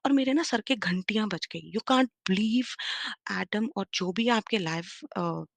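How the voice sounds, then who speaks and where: Woman in her 30s telling her own story on a live stream, animated, lots of fillers, dry sound. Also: medium pitch, unhurried, creaky, no room sound. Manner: animated, mixes English into Hindi, many fillers. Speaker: guest on a live debate stream. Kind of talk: personal testimony, casual storytelling.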